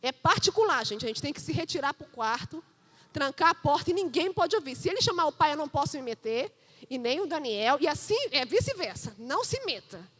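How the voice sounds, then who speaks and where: High-voiced woman preaching fervently. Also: big pitch swings, fairly quick. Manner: fervent, swings between loud preaching and soft storytelling. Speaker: pastor. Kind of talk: sermon. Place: church.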